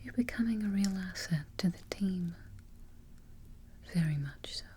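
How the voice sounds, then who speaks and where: A woman playing an imperious, fussy, vain evil queen in a darkly comic ASMR roleplay, with a soft, breathy near-whisper, close to the microphone and haughty in her phrasing. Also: lowish voice. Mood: composed, approving. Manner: deliberate, haughty, formal phrasing.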